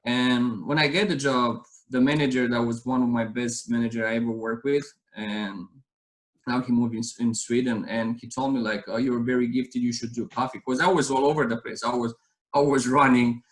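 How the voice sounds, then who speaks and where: In a casual interview chat, a thirty-something guest from Romania recounts his story with sincerity, wandering and restarting often. His Romanian-accented, mid-range voice keeps a fairly even intonation at a normal speed, and the recording quality is low.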